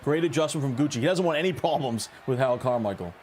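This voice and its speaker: A man's voice: mid-range voice, lively intonation, quick pace, a little mellow, a little hiss or hum. A man doing live esports color commentary, analytically breaking down plays and coverage adjustments.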